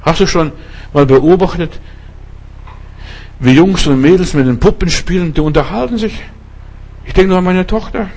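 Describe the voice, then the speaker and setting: A man's voice: high voice, moderate pace, pauses often, darkish tone. A middle-aged man from Germany preaching a sermon, telling stories emphatically and addressing the listeners directly.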